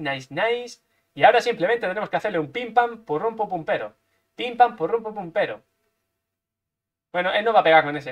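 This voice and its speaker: A man from Spain, commentating his own gameplay live, playful and full of repeated sound effects. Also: high voice. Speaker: gaming streamer.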